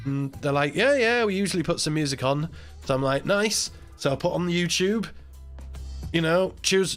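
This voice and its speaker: A man chats casually on his live stream, telling a long story and acting out the voices of everyone in it. His voice sits a little high, and he laughs and swears as he goes. Faint music plays behind him. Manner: animated, acts out quoted voices, laughs often, swears.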